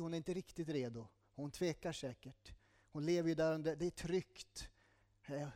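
A pastor with a fairly high voice preaches conversationally, tossing in asides and small jokes. On tender lines he slows down and drops to a hush.

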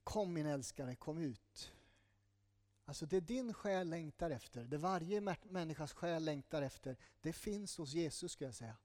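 A man preaching a sermon in a conversational style, with asides and small jokes, dropping to a slow, hushed voice on tender lines. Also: a little high, animated. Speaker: pastor.

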